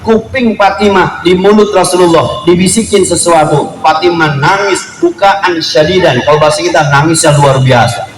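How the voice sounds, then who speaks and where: A man's voice: fairly high pitch, moderate pace, hardly any pauses, background noise. Joking preacher man. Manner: lively, joking storyteller who acts out quotes in slang. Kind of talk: storytelling sermon at a family celebration. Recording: echoey room with faint ambience.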